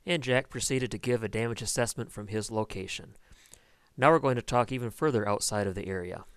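A man's voice: lowish voice, a little fast, clear, resonant tone. A man narrating an explanatory voice-over as the narrator of a demonstration video.

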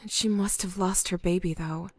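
An actress voicing a young woman investigator in a horror game, explaining the killer's past in a solemn, measured way. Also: fairly low pitch, steady tone, a little hiss or hum, close to an everyday voice.

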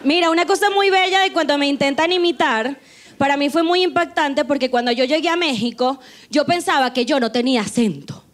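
A woman's voice: high-pitched, brisk. A woman with a Venezuelan accent performing a stand-up set, teasing the audience and slipping into put-on voices. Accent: Venezuelan Spanish. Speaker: stand-up comedian. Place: theater stage before a live audience. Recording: live crowd, faint room noise. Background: audience laughter.

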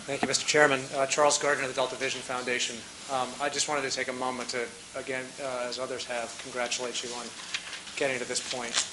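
Man in his forties, flat even delivery, many ums and restarts, roomy hall, hissy podium mic. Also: medium pitch. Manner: halting, many fillers and restarts. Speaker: public commenter. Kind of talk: public comment at a meeting. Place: large meeting room, indoors.

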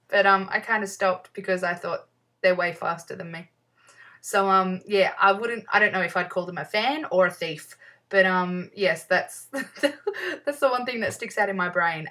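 A young woman chats through her fans' questions, laughing often and drifting off topic. Her voice is bright and sharp. She sits a bit back from the microphone. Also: mid-range voice, recorded from a distance. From New Zealand. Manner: chatty, giggly, many "um"s, easily sidetracked. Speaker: vlogger. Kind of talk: casual chat answering fan questions.

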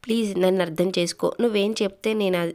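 A woman's voice: medium pitch, fairly even intonation, fast talker, darkish tone, lightly acted. Woman reading lines as a pleading young wife. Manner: plain read-out quotes, barely changed voice. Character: young wife begging her husband to stay.

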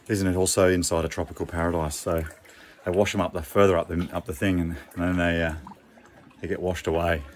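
A middle-aged man, chatting casually and slangily to camera in a laid-back way as a vlogger. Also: deep voice. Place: outdoor rocky canyon in shallow water. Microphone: phone at arm's length. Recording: watery outdoor noise, phone video. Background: splashing, running water.

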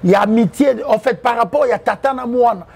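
A man's voice: extremely high pitch, brisk, creaky, darkish tone. A man, talking in an interview with a preachy manner and quoting the Bible. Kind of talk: interview mixing French and Lingala.

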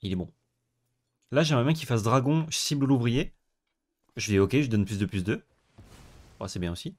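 A young man co-hosting a card game stream, chatting quickly and thinking aloud about his plays. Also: medium pitch, expressive. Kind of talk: casual gaming chat.

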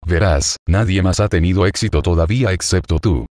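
A man voicing a calm, kind boy wizard student in a reassuring audiobook reading. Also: deep voice, a little fast, no room sound, studio quality, natural voice.

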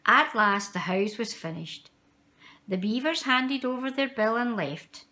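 Here a woman whose voice sits on the high side performs a children's picture book aloud. The reading is expressive yet measured, heightened with drama for a young audience.

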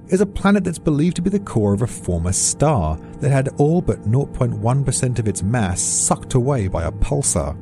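A man's voice: fairly low pitch, mellow. A British man reading a scripted science explainer in a dry, precise, lightly witty way. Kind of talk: scripted narration.

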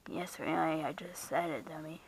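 A woman voicing a gruff, hurried male delivery man in a homemade plush puppet show. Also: low voice, fairly even intonation, voice pushed down, exaggerated voice, rough recording.

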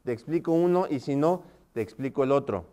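A man's voice: mid-range voice, expressive, warm tone. Man teaching, checking in constantly. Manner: checks in often with quick questions to students. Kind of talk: live online class instruction.

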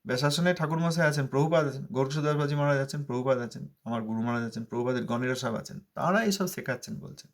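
A man's voice: mid-range voice, fast talker, hardly any pauses. A man giving a devotional sermon as a spiritual teacher, stressing points by repeating them and answering his own rhetorical questions. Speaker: spiritual teacher expounding scripture.

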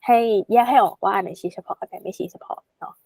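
A woman tutoring a student in a casual, chatty way, addressing the learner affectionately and slowing right down to spell out English examples. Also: medium pitch, creaky, darkish tone, breathy edge, no room sound.

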